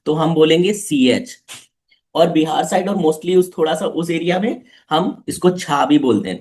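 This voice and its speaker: A man teaching a live online class for children, coaxing them with repeated questions. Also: a little high.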